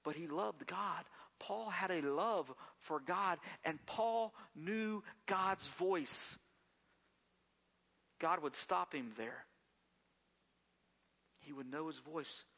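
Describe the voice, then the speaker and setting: A man's voice: fairly high pitch, lively intonation, slow, vocal fry, pauses often, bright, forceful tone, husky. A man preaching a sermon, acting out voices and sometimes dropping to a whisper, with self-corrections along the way. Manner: acts out voices, drops to a whisper at times. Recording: long hall reverb.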